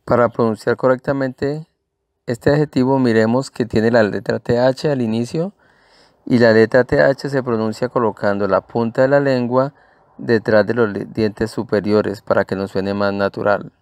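A man's voice: medium pitch, steady tone, moderate pace, a little mellow, no echo. A man teaching English pronunciation to Spanish speakers, patiently repeating and spelling out each word.

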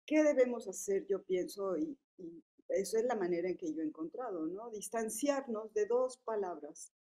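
A woman in her fifties with a Mexican Spanish accent chats conversationally on a public policy forum panel, leaning on fillers and tag questions. Her mid-range voice is animated and dark-toned, moving at a normal speed.

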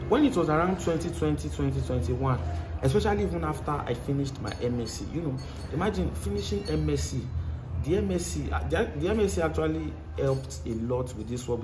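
With a mid-range voice and a slightly fast pace, a Nigerian-accented man in his thirties, a mechanic, earnestly responds to interview questions and repeats phrases to stress them. A lapel mic records him outdoors by a tiled wall at his workshop, with clear outdoor background noise.

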